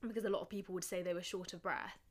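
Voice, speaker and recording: A young woman with a fairly low voice talks through her work as a paramedic in an easygoing chat. She explains things in a steady, measured way and lets her sentences fade softly at the ends of her points. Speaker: paramedic, podcast co-host. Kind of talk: casual chat.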